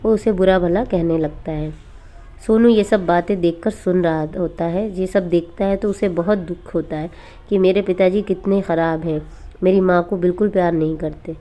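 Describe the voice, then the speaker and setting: A woman narrating a cartoon horror story in a plain, steady storytelling manner. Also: on the low side, normal speed.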